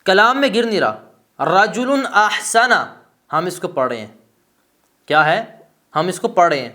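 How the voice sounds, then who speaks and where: This man has a high, slightly bright voice and is giving an Arabic grammar lesson. He keeps posing rhetorical questions and answering them himself, slowing down to spell out every example word.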